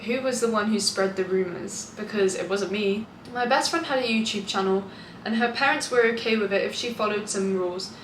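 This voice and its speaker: A woman's voice: mid-range voice, brisk. A young British woman reading out confessions and reacting in a chatty, candid way, gleeful and amused at the gossip. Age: young adult. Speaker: online video host. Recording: echoey room, clear background noise.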